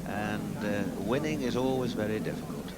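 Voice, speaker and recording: A man giving live golf commentary as a commentator, in measured, clipped phrases with pauses. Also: on the low side. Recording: noisy outdoor broadcast with crowd. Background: crowd and loud outdoor ambience.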